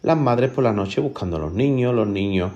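Male storyteller, animated pitch, acts out dialogue. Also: normal speed, highs cut off. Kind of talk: oral folk tale telling.

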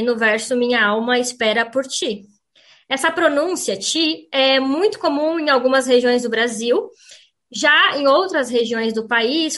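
A woman teacher on a radio program, clearly and didactically explaining pronunciation and saying example words aloud. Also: high voice, a bit bright. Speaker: language teacher.

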